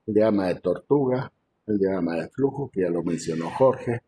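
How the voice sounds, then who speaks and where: A male professor teaches over a video call in a mellow, low-pitched voice. He talks conversationally, with lots of fillers, and often clears his throat. A faint hiss sits under his voice. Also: animated, moderate pace. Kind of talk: online class lecture.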